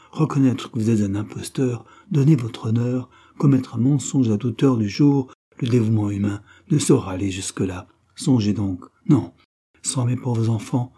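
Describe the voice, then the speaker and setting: A man's voice: fairly low pitch, slightly rough. A man voicing a weary old soldier. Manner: gentle, weary. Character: kind, worn-out old soldier.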